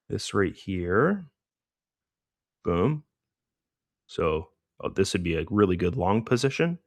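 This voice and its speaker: A middle-aged man hosts a live trading stream in a low voice, hoarse and losing it as he rambles casually through market commentary with many fillers. The recording is dry and clean, with a studio sound.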